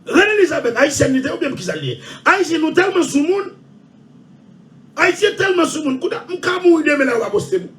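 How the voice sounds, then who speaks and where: A Haitian man with a very high voice rants on his show, his pitch swooping up and down as he repeats himself and shouts. He sounds set back from the microphone. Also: big pitch swings, a little fast, far from the mic. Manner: loud, repetitive, often shouting and laughing. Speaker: show host. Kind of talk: ranting monologue.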